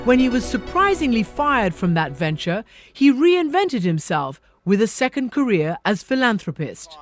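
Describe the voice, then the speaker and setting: A woman reading scripted news narration in a measured, emphatic way. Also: a little high, very animated, faint music behind.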